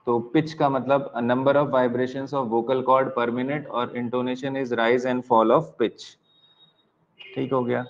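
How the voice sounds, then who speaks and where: A man with an Indian accent teaching an exam-prep lecture, mixing Hindi and English, dictating slowly, repeating key lines and spelling words out letter by letter. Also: mid-range voice, flat delivery, dull audio, a little hiss or hum.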